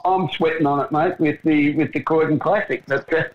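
A man's voice: fairly high pitch, steady tone, a little fast. An Australian man co-hosting a casual chat in a rambling, hesitant, matey way, recorded with dull lo-fi sound. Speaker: co-host.

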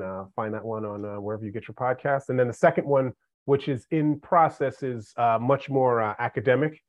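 A man's voice: fairly low pitch, dry recording, lo-fi sound. A man in his forties, a podcast guest, talking in a laid-back, joking, self-mocking way. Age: 40s. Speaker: podcast guest, management professor. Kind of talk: casual chat.

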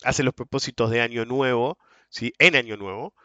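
A middle-aged man with an Argentine Spanish accent hosts his podcast as a rambling, slang-filled monologue that breaks into laughter now and then. His voice sits at an ordinary pitch. The recording is dry and a little dull in tone. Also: moderate pace, pushed and bright, no room sound. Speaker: podcast host. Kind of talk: casual monologue.

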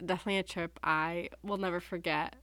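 A woman's voice: on the low side, fairly even intonation, fast, pushed and bright, dry recording. A woman in her twenties from the United States, co-hosting a podcast and telling a story in casual chat, full of "like" and "um". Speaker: podcast co-host.

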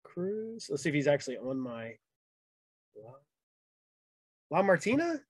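A man's voice: on the high side, very animated, measured pace, no room sound. A man hosting a podcast, telling long rambling stories in casual chat, full of fillers and laughs. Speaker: podcast host.

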